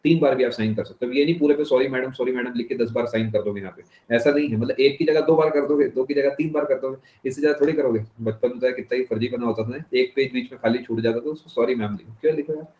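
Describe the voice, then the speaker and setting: A man's voice: medium pitch, quick pace, few pauses. Hindi teacher man lecturing in echoey room. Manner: explains step by step, mixing English phrases, asks "समझ गए?". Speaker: economics teacher. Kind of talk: classroom lecture. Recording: dull, echoey classroom recording.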